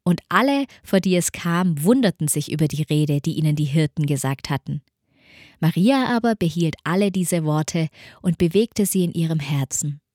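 A woman reading a Bible passage in an even, measured way. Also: deep voice, no echo, studio quality. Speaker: scripture reader. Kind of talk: scripture reading.

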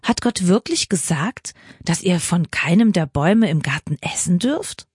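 Sly tempting snake from the bible, lady reading it, soft coaxing, lowish voice. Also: animated, measured pace, breathy edge, dry recording, clean studio sound, heavily acted.

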